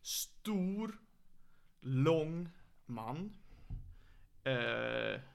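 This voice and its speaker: A man's voice: mid-range voice, gravelly. A man who coaches MMA fighters, chatting casually on a podcast and telling stories by acting out what others said. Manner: animated storyteller, quoting others.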